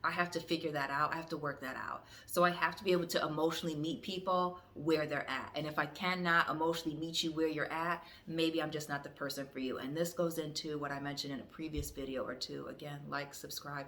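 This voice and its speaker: Low, bright-voiced woman talking frankly. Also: fairly even intonation, brisk, few pauses. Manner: frank and direct, with fillers and restarts. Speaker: vlogger. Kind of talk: candid reflective talk to camera.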